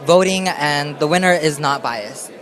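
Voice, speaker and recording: A man's voice: a little high, measured pace, a bit bright, low-quality recording. A man hosting red carpet interviews in a gushing, effusive way. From Filipino. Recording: busy crowd noise behind.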